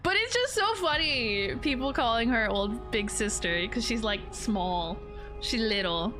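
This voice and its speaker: Casual female game streamer, rambling and jokey, slightly high voice over game music. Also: animated, unhurried, a bit bright. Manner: rambling, jokey, informal slang. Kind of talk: casual reaction commentary.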